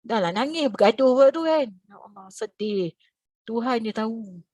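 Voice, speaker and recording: A woman from Malaysia, a religious teacher, telling a story to her class over a video call in a lively, expressive way. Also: moderate pace, no echo. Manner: animated, expressive, swings in pitch and loudness.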